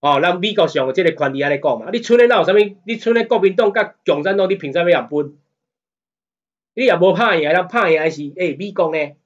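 Man, taiwanese accent, casual lecture, raised pitch, dull lo-fi recording. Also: animated, quick pace. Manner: conversational, often asks "you know what I mean?"; grows heated and emphatic when arguing. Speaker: lecturer on international law. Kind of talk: casual lecture in Taiwanese Hokkien mixed with Mandarin.

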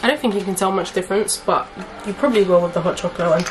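A woman's voice: mid-range voice, racing, over music. A young woman chatting frankly through a makeup haul, casual and swearing now and then. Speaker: beauty vlogger.

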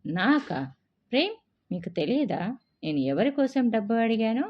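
A woman's voice: on the high side, big pitch swings, normal speed. A woman voicing a young woman who answers sharply and with indignation. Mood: indignant. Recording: dull lo-fi recording.

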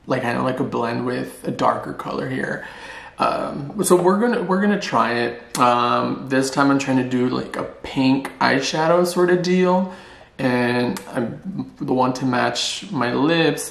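A playful, talkative man chats through a casual vlog and pokes fun at himself. His voice has a gravelly edge. The room around him is echoey. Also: mid-range voice, fairly bright tone. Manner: playful, chatty and self-mocking. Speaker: vlogger. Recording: roomy echo.

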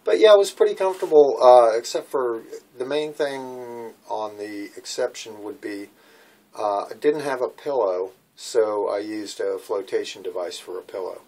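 A man's voice: on the low side, normal speed, mellow. A man in his sixties casually vlogging from a small boat cabin, rambling with many fillers, recorded on a handheld phone. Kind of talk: casual vlog. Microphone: phone camera at arm's length.

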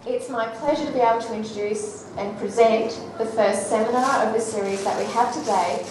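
A woman gives a measured, formal welcome from a lecture podium. Her slightly high voice comes from some distance away, in a big, echoing hall with steady background noise. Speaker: event host. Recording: roomy, distant, noisy hall recording.

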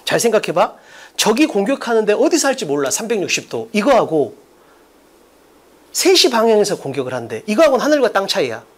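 Emphatic male exam lecturer, lively pitch. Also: brisk. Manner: emphatic, quizzes listeners with rhetorical questions, blunt casual speech. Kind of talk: energetic classroom lecture.

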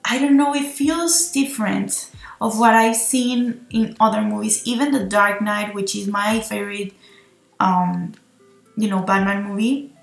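A woman's voice: medium pitch, fairly even intonation, a little slow, gravelly, faint music behind. A woman chatting enthusiastically through a rambling film review, recorded on her phone. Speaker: movie reviewer. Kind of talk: casual spoken film review. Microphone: phone recording itself. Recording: echoey room on a phone mic.

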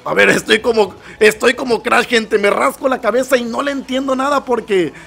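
A man giving excitable, nervous let's-play commentary and constantly calling out to his viewers. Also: very high-pitched, moderate pace, creaky. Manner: excitable, nervous reactions, keeps addressing viewers as "gente". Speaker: gameplay commentator.

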